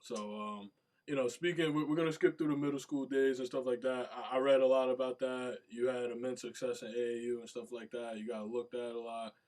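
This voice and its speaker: A man's voice: mid-range voice, fairly even intonation, brisk, darkish tone. A man hosting a casual sports interview, friendly and full of slang. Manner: hype, slangy, friendly, repeats "atta boy".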